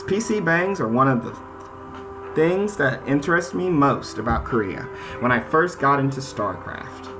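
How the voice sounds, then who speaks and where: This rough recording captures a gaming video host with a medium-pitched voice doing casual let's-play commentary. He reads game text aloud and reacts informally while music plays underneath.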